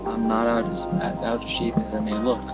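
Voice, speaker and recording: Casual young male hiking vlogger, breathy from the climb, easygoing, loud music underneath. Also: lowish voice, monotone, a little fast, low-quality recording. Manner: easygoing, talks while walking uphill. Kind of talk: casual hiking vlog to camera. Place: outdoors on a mountain trail.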